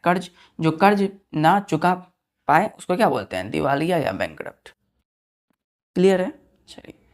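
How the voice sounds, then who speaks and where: Woman teacher, lower voice, spells and drills exam vocabulary. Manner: spells words letter by letter and asks quiz-style questions. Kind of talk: vocabulary lesson for exam students.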